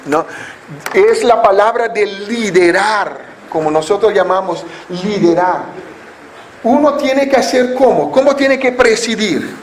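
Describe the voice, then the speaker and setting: A man with a high voice delivers a Sunday sermon in an echoey church hall, with a faint hiss behind him. He quizzes the listeners and answers his own questions. Now and then he drops into a mocking voice to act out a wrong attitude. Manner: asks the congregation questions and answers them himself. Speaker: preacher.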